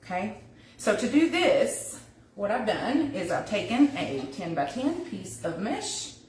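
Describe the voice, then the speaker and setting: A woman's voice: mid-range voice, very animated, unhurried, a little mellow, reverberant, slight background noise. A woman with a Southern US accent from North Carolina, hosting a live craft tutorial and chatting with viewers while she gives step-by-step instructions. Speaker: craft host.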